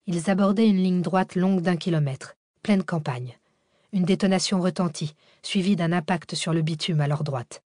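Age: adult. Sex: woman. Style: low-voiced audiobook narration. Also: normal speed, mellow, dry recording, studio quality. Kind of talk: scripted narration.

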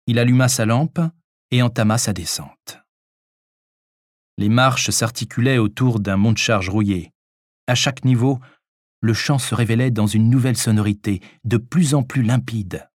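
Man, low voice, measured audiobook narration, dry close sound. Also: a little mellow, no echo.

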